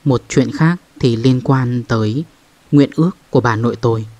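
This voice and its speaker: A man narrating a first-person ghost story in a calm, measured way. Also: medium pitch.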